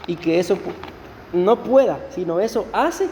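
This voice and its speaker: A male pastor giving a conversational sermon to his congregation, often slowing down to read verses aloud. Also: sits high, animated, mellow, big-room sound, a little hiss or hum. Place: church.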